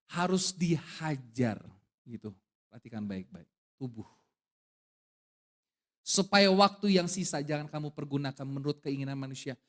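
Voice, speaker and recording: Male pastor, lively sermon delivery with big pitch swings, quizzes the congregation, casual joking asides. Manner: lively preaching with questions to the congregation; casual slangy asides and jokes. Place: church service.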